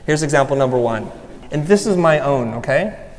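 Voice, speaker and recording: A man's voice: medium pitch, lively intonation, normal speed, a little hiss or hum. A man giving a motivational talk on stage, earnest and personal as he walks the audience through an exercise. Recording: long hall reverb.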